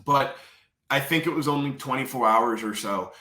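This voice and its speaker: A man's voice: mid-range voice, moderate pace, bright, forceful tone, echoey room. A man intensely retelling a painful personal experience as a memoir author, repeating phrases as he tells it. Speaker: memoir author telling his prison story. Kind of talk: personal storytelling.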